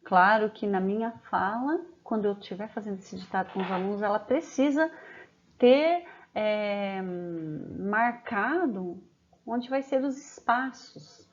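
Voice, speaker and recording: A woman with a Brazilian Portuguese accent gives a training lesson to teachers. She explains step by step, often ends phrases with a questioning "né?", and slows down when she dictates examples. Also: medium pitch, dull audio.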